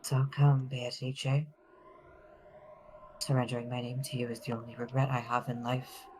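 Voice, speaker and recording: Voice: medium pitch, level tone, normal speed, darkish tone, slight background noise, lightly acted. A performer voicing a composed elder witch teacher, formal and commanding, in an amateur visual novel dub. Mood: composed, severe.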